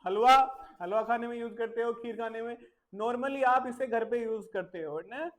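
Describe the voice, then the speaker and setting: A man's voice: very high-pitched, moderate pace. A man teaching a classroom vocabulary lesson, repeating each word and spelling it out letter by letter. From India.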